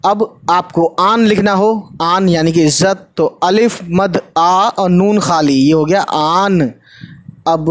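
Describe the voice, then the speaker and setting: ऊँची आवाज़ वाला पुरुष शिक्षक. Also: male voice, high voice. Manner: repeats "ठीक है" often, mixes English words. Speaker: Urdu teacher. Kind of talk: casual explanatory lesson.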